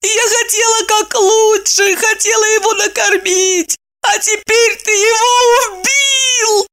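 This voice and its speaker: A woman voicing a tearful, shrill middle-aged wife in a storybook reading, squealing and wailing as she pleads for a stray dog. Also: a little slow, a bit bright. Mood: sobbing. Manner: wailing and sobbing, high-pitched squeals.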